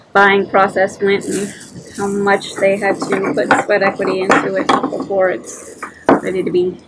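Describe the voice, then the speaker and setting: A woman in her forties, a sailing vlog host, chatting upbeat to the camera aboard her boat. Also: medium pitch. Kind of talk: casual vlog narration. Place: aboard a sailboat, outdoors in the cockpit. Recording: clear background noise.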